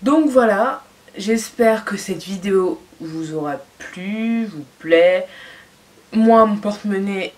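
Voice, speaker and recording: A woman's voice: medium pitch, expressive, slow. A young adult woman chatting enthusiastically in a casual fashion and beauty haul vlog, with lots of fillers. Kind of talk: casual haul video chat.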